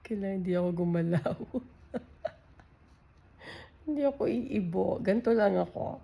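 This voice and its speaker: A woman vlogging casually at home, talking in a hushed, often half-whispered voice and laughing often. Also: mid-range voice, lively intonation, a little slow, creaky, husky. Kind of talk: casual vlog chat.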